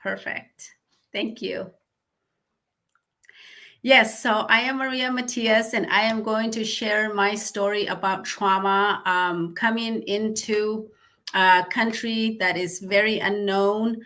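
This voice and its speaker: A middle-aged woman from Guatemala whose first language is Mayan, telling her life story earnestly, with frequent um pauses. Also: mid-range voice, steady tone, a bit bright. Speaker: guest speaker. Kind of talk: personal storytelling.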